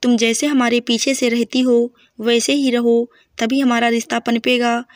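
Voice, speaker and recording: A woman voicing a kind, loving older mother-in-law in a storybook reading, speaking gently and affectionately. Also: on the high side, flat delivery, normal speed, no echo, clean studio sound, close to an everyday voice.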